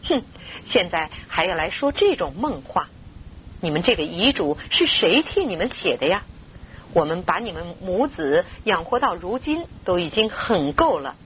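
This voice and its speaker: Woman putting on greedy uncle and aunt, scornful shouting, quick raised voice, muffled, faint hiss. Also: fairly low pitch, very animated.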